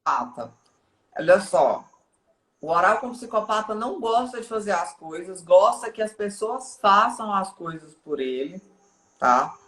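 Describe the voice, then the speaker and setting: A woman's voice: mid-range voice, animated, measured pace, fairly bright tone, reverberant. A woman speaking as a guest on a live stream, explaining in a teaching way and often checking in with the listener.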